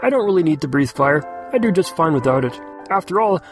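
A young dragon speaks in a raised, youthful, earnest voice, as a man puts him on. He is brave yet gentle in this storybook reading. Faint music plays beneath. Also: fairly high pitch, expressive, quick pace, pitched above the performer's own voice.

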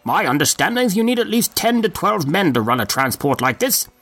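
A folksy old man who talks in an unhurried drawl, voiced by a male storyteller. He is chatty and nosy, and his pitch sits well above the narrator's own while swinging up and down as he talks. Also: big pitch swings, a bit bright, soft background music, full character voice. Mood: curious. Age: older. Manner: slow, drawling, folksy old-timer speech.

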